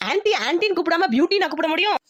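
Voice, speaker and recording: Woman voicing a pesky male village cousin, cartoon, shrill, fast. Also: fairly bright tone, no echo. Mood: cheeky.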